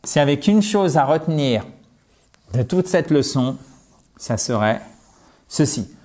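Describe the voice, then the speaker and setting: A male teacher gives an online language lesson in a fairly high voice. He takes his time, speaking slowly and with lively emphasis. He addresses his viewers directly. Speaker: English teacher.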